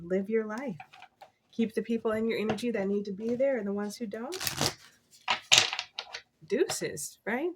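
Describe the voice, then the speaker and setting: A woman giving a casual, encouraging tarot reading from her desk, chatty and quick to laugh. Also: medium pitch, noisy background. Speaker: tarot reader.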